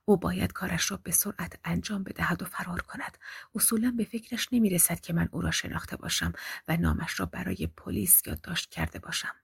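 A woman's voice: high-pitched, expressive, mellow, slightly rough, no echo, clean studio sound, voice pushed up, heavily acted. A woman voicing a frightened young woman trapped in her room, whispering her tense thoughts and crying out for help. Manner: tense whispered inner thoughts, then desperate cries for help.

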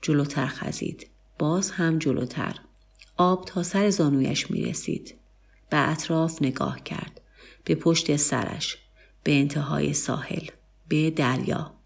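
Low-voiced woman reading a story. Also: gravelly, husky. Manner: calm, measured reading. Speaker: narrator.

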